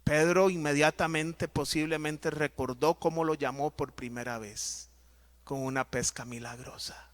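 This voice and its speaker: A man preaching a sermon as pastor, emphatic and dramatic, swinging between loud and soft. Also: fairly high pitch, steady tone, measured pace.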